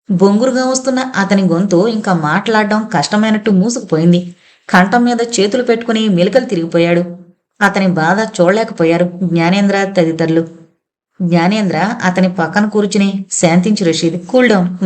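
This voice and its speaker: A woman's voice: mid-range voice, a little mellow. A woman reading a science fiction audio novel aloud as narrator, giving the characters' lines a light change of voice. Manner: reads all characters herself, quoted lines lightly voiced.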